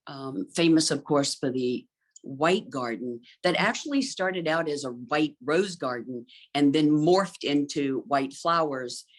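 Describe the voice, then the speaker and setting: Thoughtful middle-aged woman talking gardens. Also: low voice. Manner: thoughtful, fluent with many um fillers. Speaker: interior designer, guest. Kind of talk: conversational talk about gardens.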